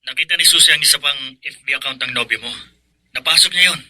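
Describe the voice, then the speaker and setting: A worried loyal younger brother in a radio drama. His tone is very bright and the sound is dry, and he pleads earnestly. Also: a little high, quick pace, dry recording.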